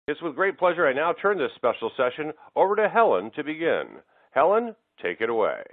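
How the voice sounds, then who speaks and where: A man's voice: on the high side, big pitch swings, fairly quick, dry recording. A man moderating a webinar, reading formal scripted announcements and introducing the speaker. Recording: tinny phone-line sound, dry.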